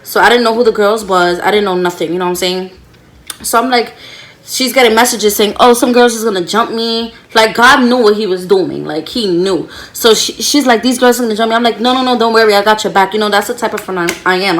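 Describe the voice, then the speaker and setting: A woman's voice: mid-range voice, fairly quick. A young woman telling a storytime vlog in a casual, slangy way, acting out the quotes as she goes. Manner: animated, acts out quotes, loose slangy storytelling. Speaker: vlogger.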